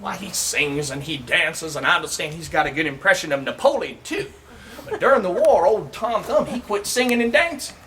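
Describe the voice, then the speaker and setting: Southern guy doing a living history yarn outside, real lively swoopy voice, mic kinda far off. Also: on the high side, a little hiss or hum. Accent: Southern American. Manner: folksy, teasing, drawn-out delivery with audience asides. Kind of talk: first-person historical storytelling. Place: outdoors at a historic site.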